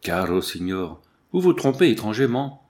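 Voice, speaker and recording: A man voicing a hushed, anxious bandit's wife. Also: big pitch swings, normal speed. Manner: low hushed caressing voice. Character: anxious secretive woman, bandit chief's wife.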